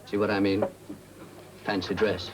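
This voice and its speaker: A man's voice: lowish voice, level tone, measured pace, close to an everyday voice. An actor playing a cynical man in the dress trade in a 1950s film, dry and lecturing. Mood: dry, teasing. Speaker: fashion business man. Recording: old film soundtrack with background noise.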